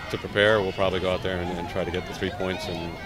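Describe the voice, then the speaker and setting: Deep-voiced middle-aged male coach, flat delivery. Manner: measured, frequent "uh" and "you know". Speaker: head coach. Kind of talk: post-game interview. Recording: loud outdoor stadium crowd and noise.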